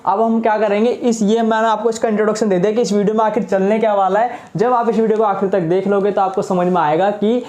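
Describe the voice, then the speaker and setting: A man's voice: sits high, fairly even intonation, quick pace, few pauses, a little mellow. A man teaching English spelling rules, patiently asking rhetorical questions and answering them himself, repeating each point. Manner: patient and repetitive, says each word twice. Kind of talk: explaining spelling rules in a lesson. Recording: echoey room.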